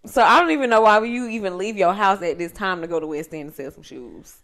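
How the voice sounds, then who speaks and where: A woman's voice: medium pitch, lively intonation, quick pace, a bit bright. A young woman from the area, co-hosting a casual podcast and telling a story with a lot of swearing and laughter. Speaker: podcast co-host.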